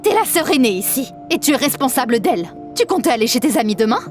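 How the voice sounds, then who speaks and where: Lady doing a strict mom scolding her daughter, cartoon story, soft music behind. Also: high-pitched, sing-song, fast talker. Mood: stern. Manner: stern, reproachful. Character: stern scolding mother, favors younger daughter.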